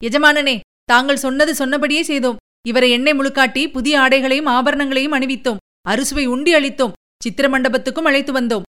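A woman reading the part of a servile male palace guard, hurried and pleading before his master. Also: high voice, fairly even intonation, fairly bright tone.

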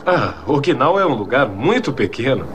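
An actor playing a cruel young Japanese villain in a film dub, with sneering, theatrical mock courtesy. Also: male voice, medium pitch, sing-song, fairly quick, over music, natural voice. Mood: mock polite. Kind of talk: dubbed film dialogue.

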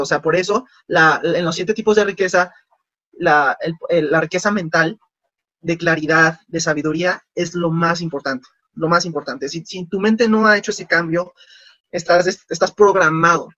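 Animated high-voiced man telling a story. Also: dry recording, highs cut off. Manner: animated, acts out quoted dialogue. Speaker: guest. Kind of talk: casual storytelling in an interview.

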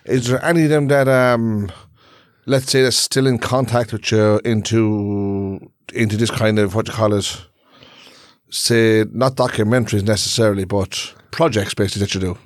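A man's voice: on the low side, steady tone, normal speed, no room sound, clean studio sound. A man with an Irish Traveller accent chatting on a podcast, teasing and challenging his co-host with pointed questions. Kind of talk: casual bantering podcast chat.

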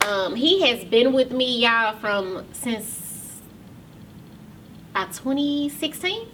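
A woman's voice: on the high side, expressive, slow, far from the mic, noisy background. A woman hosting her own podcast and talk show, speaking casually to viewers in a loose, chatty way with many ums, close to tears.

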